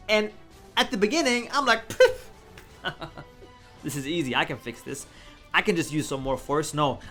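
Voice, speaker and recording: A man recounts a mishap in a casual, animated storytelling voice, often laughing and acting out his own reactions. His voice sits a little high for a man. Faint music plays behind him. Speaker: vlogger.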